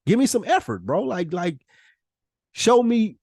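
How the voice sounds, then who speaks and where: Casually debating friends on a podcast, an American co-host insists on his points emphatically, repeating them with slang and swearing. His voice sits high and a little mellow, with big pitch swings and a slightly slow pace. The recording has no room sound.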